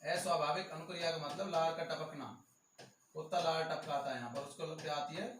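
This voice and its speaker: A male teacher with a Rajasthani accent gives an exam-prep lecture, repeating key terms slowly and stressing them. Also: fairly high pitch, steady tone, fairly bright tone, slight background noise. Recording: echoey room, voice from far off.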